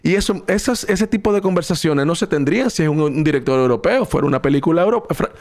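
Man, film producer, fairly high voice, enthusiastic, restarts mid-sentence. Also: lively intonation, fast talker, a little mellow. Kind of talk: casual podcast chat.

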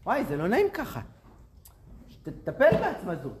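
A man's voice: sits high, wildly swooping pitch, darkish tone. A man voicing the thoughts of a young woman applying for a job, in a roomy space. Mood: wry. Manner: quoted inner thoughts, conversational. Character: young woman job applicant, eager, easily stung. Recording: roomy with faint noise.

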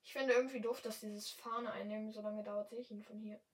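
A young woman speaking standard German, chatting casually and excitably while commentating her gameplay. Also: medium pitch, brisk, recorded from a distance, poor audio. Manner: chatty, excitable, yelps and exclaims often. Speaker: gamer streamer.

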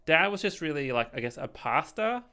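A man's voice: fairly high pitch, very animated, normal speed, pushed and bright, smooth. A man co-hosting a podcast, chatting casually, full of fillers and often ending with "right?". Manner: chatty, filler-heavy, ends lines with "right?". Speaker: podcast co-host. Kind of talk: casual chat.

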